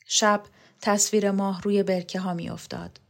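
A wistful, devoted man recalls distant memories in a soft, dreamy voice, read out by a woman narrating a storybook. His telling is hushed and lingering, kept at an ordinary mid pitch for the woman reading him. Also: flat delivery, vocal fry, close to an everyday voice. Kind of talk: audiobook character reading.

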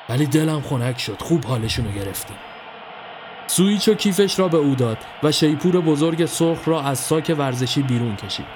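A man reading a horror story as narrator, in a measured, even storytelling manner. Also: a little high, noisy background.

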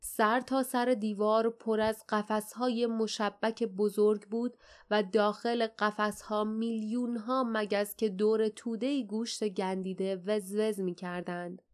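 A woman reading an audiobook in measured, expressive scripted narration. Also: mid-range voice.

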